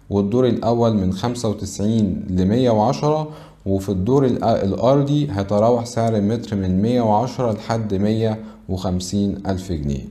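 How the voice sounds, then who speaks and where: A man in his thirties with an Egyptian accent, a real estate consultant briskly presenting details to camera, reeling off figures with frequent filler sounds. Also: on the low side, warm tone. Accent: Egyptian Arabic. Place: indoor studio with backdrop.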